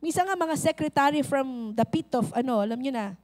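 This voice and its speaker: A middle-aged woman pastor with a Filipino accent, preaching a lively sermon that mixes in English, acting out little scenes and calling out to the crowd. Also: high-pitched, brisk.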